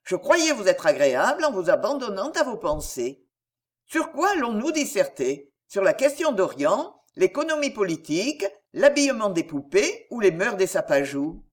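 A woman reading an audiobook, voicing a reserved middle-aged gentleman uncle in a dry, matter-of-fact tone. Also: mid-range voice, big pitch swings, normal speed. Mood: wry. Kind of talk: audiobook character dialogue.

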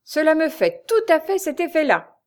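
Une femme qui joue un mari vengeur et moqueur. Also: female voice, high-pitched, big pitch swings, normal speed, a little mellow, voice pushed up. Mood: sarcastic menace. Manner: mocking, cold and ironic. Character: sneering vengeful husband, a grown man. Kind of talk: audiobook reading of a serial novel.

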